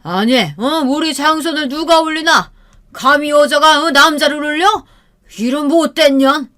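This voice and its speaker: A woman's voice: mid-range voice, normal speed, close to an everyday voice. Woman voicing a bellowing drunk old father-in-law. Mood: drunk angry. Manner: shouting, scolding. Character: drunk older father-in-law, bossy, crude.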